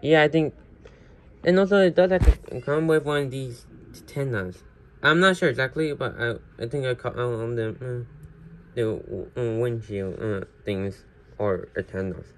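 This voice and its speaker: A man reviews a toy set in a loose, unscripted way, stumbling through fillers and restarts. His voice sits at an ordinary middle pitch and now and then gets loud. A faint hum of household noise runs behind him. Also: moderate pace. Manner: rambling, many fillers and restarts. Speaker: Lego reviewer.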